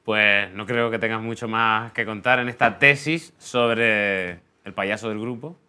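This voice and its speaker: A man's voice: on the low side, unhurried, bright, forceful tone, clear, resonant tone. A man co-hosting, dropping in brief, dry remarks. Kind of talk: casual chat.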